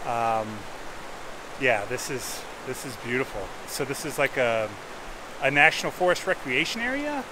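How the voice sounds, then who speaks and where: A man talking casually and conversationally in an easygoing outdoor vlog, recorded near rushing creek water. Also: mid-range voice, expressive, noisy background. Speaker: vlogger. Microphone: camera on a tripod, fairly close.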